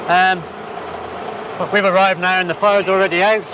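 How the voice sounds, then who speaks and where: A man's voice: high voice, level tone, moderate pace. A man with a New Zealand accent, a police officer talking casually and matily outdoors amid street noise. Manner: matey, plain-spoken. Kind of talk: casual, unscripted on-the-job talk. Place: on patrol outdoors and by car. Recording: noisy outdoor street and vehicle sound.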